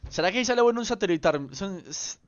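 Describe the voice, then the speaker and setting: A man's voice: high voice, lively intonation, fast talker, no room sound. A young man chatting casually with viewers on a game livestream, playful and rambling, full of slang. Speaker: streamer. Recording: slightly dull lo-fi stream audio.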